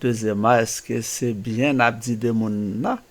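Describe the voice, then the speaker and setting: A man's voice: medium pitch, fairly even intonation, a little slow. A man with a Haitian accent, hosting a daily reflection on the saints and urging listeners on with proverbs and Bible verses. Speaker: host of a daily saints channel. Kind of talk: spoken religious reflection.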